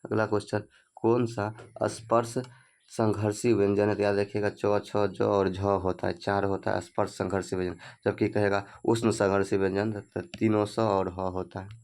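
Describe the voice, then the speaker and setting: Flat-voiced man drilling exam answers. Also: fairly low pitch, moderate pace. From Bihar, India. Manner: drills answers by repeating questions. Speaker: exam coach. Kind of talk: exam prep lesson.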